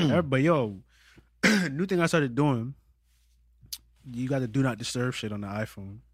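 A man's voice: mid-range voice, a little slow, breathy edge, dry recording, clean studio sound. A young man, chatting casually with friends in agreeable, slangy frat-bro talk. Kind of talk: casual chat among friends.

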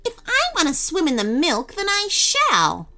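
A woman's voice: sits high, wildly swooping pitch, a little slow, bright, forceful tone, faint music behind, pitched above the performer's own voice, full character voice. A woman doing a snooty, rude cookie. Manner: snooty and haughty. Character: snooty rude female chocolate chip cookie.

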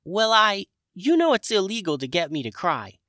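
A man voicing a tiny, cheerful female wood sprite with a squeaky voice. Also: sing-song, moderate pace, bright, forceful tone, dry recording, clean studio sound, full character voice. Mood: chirpy. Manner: squeaky, chirpy.

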